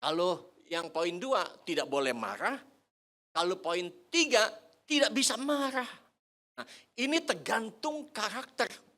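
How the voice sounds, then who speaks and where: An older man preaching a sermon to seniors in a church hall, lively and joking, often quizzing the congregation. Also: sits high, unhurried, long pauses. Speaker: pastor.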